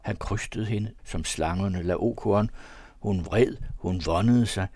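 A man narrating a classic novella as an audiobook, with a measured, expressive reading on a close studio mic. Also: fairly low pitch, no room sound. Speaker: audiobook reader.

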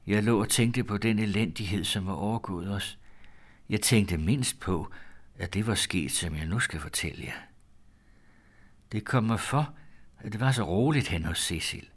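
A man reading an old-fashioned first-person story aloud in a measured, grave way. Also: fairly low pitch, husky.

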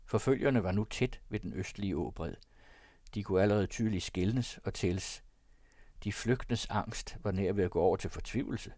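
A man reading classic prose aloud in a measured, even storytelling manner. His voice is fairly low and the recording is dry and close. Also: no echo. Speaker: narrator.

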